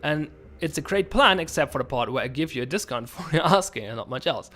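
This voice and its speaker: A man voicing a coarse, scarred middle-aged male merchant with a loosely put-on accent, rough and jovial. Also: fairly high pitch, lively intonation, fairly quick, fairly bright tone. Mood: wheedling. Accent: put-on accent, admitted as botched. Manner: gruff, jovial, rough slang-laced talk.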